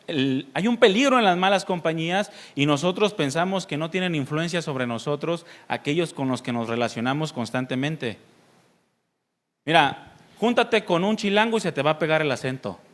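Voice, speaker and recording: Casting note: pastor from Mexico, a man with a somewhat high voice, preaching loosely and quizzing his congregation. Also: fairly bright tone. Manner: conversational preaching with questions to the congregation; mimics voices playfully. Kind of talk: sermon.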